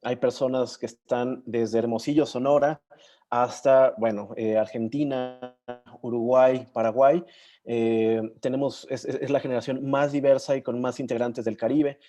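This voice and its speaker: A man hosts an online session, his voice mellow and warm in tone. He talks in a halting way, often pausing as he searches for words and names. The sound comes through a video call. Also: medium pitch, steady tone, soft background music. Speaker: moderator. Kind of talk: casual online session hosting.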